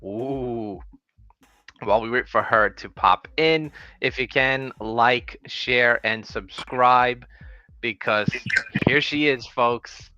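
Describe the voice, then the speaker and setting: A man's voice: mid-range voice, slow pace, sharp tone, lo-fi sound. A man with a New York accent hosting a casual livestream interview over a video call, upbeat and joking. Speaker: host.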